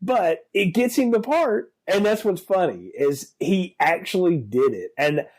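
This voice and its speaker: A man co-hosting a film podcast, chatting casually and expressively with quick asides. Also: sits high, animated, darkish tone. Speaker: podcast co-host. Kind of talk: casual film review chat.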